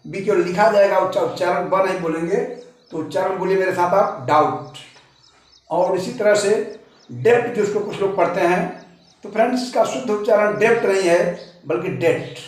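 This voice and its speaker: Echoey, high-voiced man teaching pronunciation. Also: steady tone, recorded from a distance. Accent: Hindi. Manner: repeats points, addresses viewers as friends, spells letters slowly. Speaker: English teacher. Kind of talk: Hindi-language English pronunciation lesson. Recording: very echoey room, voice from off-mic.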